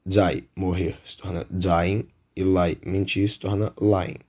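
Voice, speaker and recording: A man with a Brazilian Portuguese accent gives an explanatory lesson in a lowish, steady voice. He talks in a measured way and slows down to spell out each example. The tone stays that of a patient teacher walking through rules. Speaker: English teacher.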